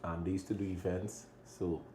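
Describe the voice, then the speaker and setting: A Trinidadian man in his thirties with a very low, deep voice talks in an easygoing way, laughing often. The room is echoey, and there is a faint hum of background noise. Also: flat delivery, moderate pace, warm tone. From Trinidad and Tobago. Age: 30s. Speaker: chef and restaurant owner. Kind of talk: casual interview chat.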